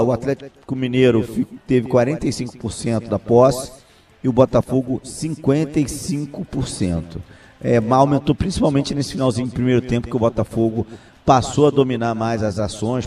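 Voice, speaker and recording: Dark-voiced Brazilian man analysing football. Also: medium pitch, distant mic. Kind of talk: unscripted football commentary.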